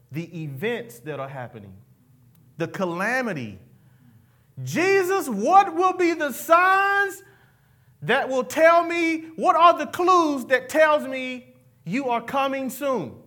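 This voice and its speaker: A man preaches a sermon, pulling the congregation into call-and-response. His voice sits high and rings bright. He drops folksy asides between his lines. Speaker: pastor.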